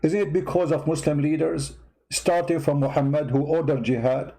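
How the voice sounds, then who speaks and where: Fairly high-pitched and mellow, with rather even intonation at normal speed, this non-native English speaker with a foreign accent hosts as a commentator. He mocks and rails heatedly about politics, firing off rhetorical questions again and again.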